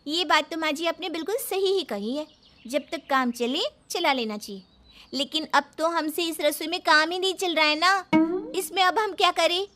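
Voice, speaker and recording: A woman's voice: extremely high pitch, normal speed, pushed and bright. A woman voicing a young daughter-in-law who complains and pleads about the old kitchen. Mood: complaining.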